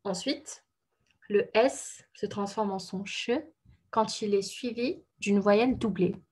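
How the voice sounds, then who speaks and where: A woman teaching pronunciation in a relaxed explanatory way, pausing with fillers and correcting herself. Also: mid-range voice, slightly rough. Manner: patient, many fillers and self-corrections. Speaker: Korean language teacher.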